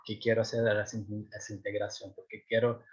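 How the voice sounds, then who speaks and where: Quick-paced but flat, this young adult man speaks in a lowish, husky voice over dull audio while explaining his doctoral research in a seminar. His first language is Portuguese, and he hesitates with many fillers and restarts, often checking if listeners follow.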